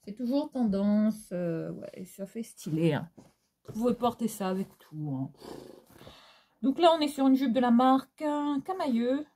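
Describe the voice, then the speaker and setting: A woman's voice: on the high side, lively intonation, measured pace, warm tone. A woman with a Réunionese French accent chatting casually in a fashion haul vlog, theatrical and full of laughs and fillers. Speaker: fashion vlogger. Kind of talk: casual haul chat to viewers.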